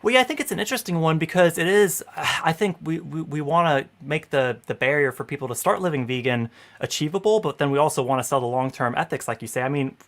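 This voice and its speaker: This fast-talking host sounds fairly high-pitched. He's a man in his thirties doing a casual, upbeat livestream over a headset in his home, peppering his speech with "you know."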